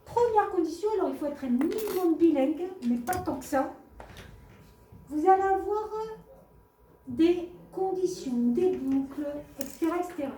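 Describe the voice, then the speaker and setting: A woman's voice: very high voice, lively intonation, moderate pace, dark tone. A woman teaching a math class, explaining patiently, repeating points and asking the students questions. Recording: echoey classroom from far off.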